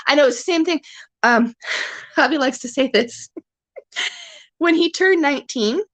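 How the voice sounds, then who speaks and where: With lively intonation and a measured pace, this high-pitched, fairly bright-toned Canadian woman in her forties hosts a livestream. She talks casually with viewers, rambling through many fillers and restarts. Her webcam or phone mic picks up no room sound.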